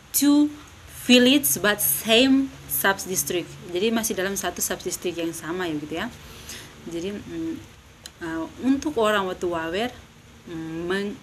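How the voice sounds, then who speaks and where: A woman's voice: lowish voice, a little hiss or hum, low-quality recording. Hesitant young woman presenting. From Lembata, eastern Indonesia. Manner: hesitant, many fillers, switching between English and Indonesian. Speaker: university student. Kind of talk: recorded class presentation.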